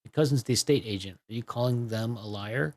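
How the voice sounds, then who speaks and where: A man voicing a gruff, pompous older man who talks bluntly and dismissively. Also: mid-range voice, brisk, natural voice. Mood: curt hostile.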